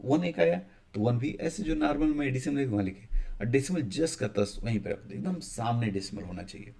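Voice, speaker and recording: Here a man explains a maths lesson casually in an expressive, darkish, mid-range voice. Frequent "ठीक है" check-ins punctuate his talk, along with halting restarts of his sentences.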